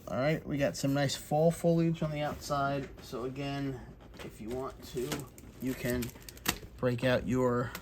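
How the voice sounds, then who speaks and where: Relaxed chatty man unboxing a craft kit. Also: mid-range voice, a little hiss or hum. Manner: relaxed, chatty, many fillers. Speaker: crafts channel host. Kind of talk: casual unboxing walkthrough.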